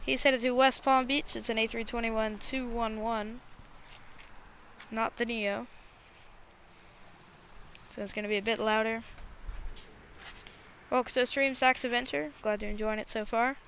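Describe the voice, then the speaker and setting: A woman's voice: on the high side, flat delivery, measured pace, long pauses, fairly bright tone. A woman hosting a livestream, giving casual, chatty live commentary and speaking directly to her viewers. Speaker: livestream host. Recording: dull lo-fi mic with faint noise.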